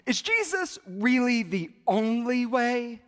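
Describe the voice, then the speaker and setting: Skeptical older church elder, persistent, voiced by a high-pitched male preacher in an echoing hall. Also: sing-song, slow pace, exaggerated voice. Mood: pressing. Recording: long hall reverb.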